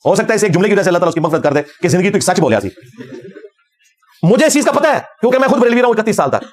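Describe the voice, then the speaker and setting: Middle-aged male religious scholar, combative lecture delivery at a quick pace. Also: high voice, very animated, slight background noise. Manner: combative, fervent, quotes Arabic verses.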